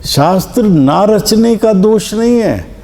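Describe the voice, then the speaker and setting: Brief: male scripture teacher, gravelly and mellow, slightly high, talks through examples with emphasis. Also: animated, slight background noise. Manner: explains slowly with examples, stresses words. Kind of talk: Jain scripture discourse. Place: discourse hall.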